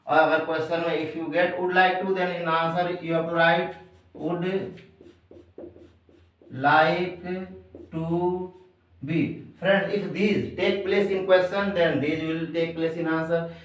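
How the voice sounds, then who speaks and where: A man with an Indian accent, a native Hindi speaker, teaches grammar like a classroom lesson, deliberate and repetitive, calling his learners friends. His voice is on the high side with a level tone, recorded in an echoey room from a distant microphone.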